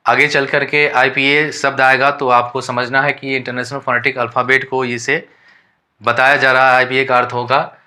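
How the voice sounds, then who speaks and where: A man with an Indian accent teaching a lesson, reading English definitions slowly and explaining them in Hindi with questions to the learners. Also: medium pitch, flat delivery, sharp tone.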